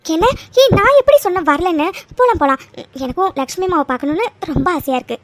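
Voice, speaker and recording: A woman voicing a sweet young wife, very high. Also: big pitch swings, fast, no room sound, exaggerated voice. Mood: cheerful. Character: young married woman, cheerful and affectionate. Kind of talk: Tamil cartoon voice acting.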